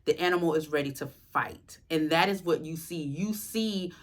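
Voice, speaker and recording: A woman from the US South, reviewing a series as an author in a chatty, expressive way with slangy asides. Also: deep voice, normal speed. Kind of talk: casual spoken review.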